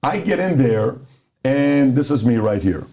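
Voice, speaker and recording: This is a medium-pitched, slightly slow male voice. The speaker, a middle-aged man from Iran, tells motivational tales as a podcast guest, bringing the dialogue to life in an animated way.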